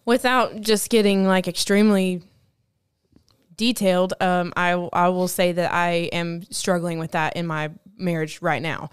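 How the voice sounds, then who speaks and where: A woman with a very smooth, clear voice, speaking as a podcast guest. She talks in a hesitant, candid way, her tone fairly flat and a little low. The recording is dry. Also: unhurried, no room sound. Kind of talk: casual podcast discussion.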